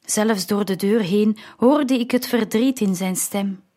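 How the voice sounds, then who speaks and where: Een vrouw die een verhaal in de ik-vorm voorleest als luisterboek, afgemeten en gelijkmatig. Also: female voice, medium pitch, dark tone. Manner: slow, measured reading. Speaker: audiobook narrator. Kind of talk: scripted narration.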